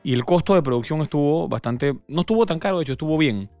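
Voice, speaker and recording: A man, a music producer speaking as a guest in a casual interview, often halting and repeating words as he thinks. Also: on the high side, animated, mellow, no echo.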